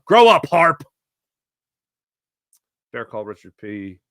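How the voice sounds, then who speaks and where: A man hosting a casual sports podcast, reading viewer chat with sarcastic, animated commentary. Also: slow, dry recording, clean studio sound. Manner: reads ad copy with big pitch swings. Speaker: podcast host.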